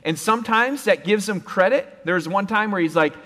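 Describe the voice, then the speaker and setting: A man preaching a sermon in a relaxed, conversational way, retelling a scripture story with lively quoted lines. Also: high voice, moderate pace, in a large hall, soft background music. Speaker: pastor. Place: church sanctuary.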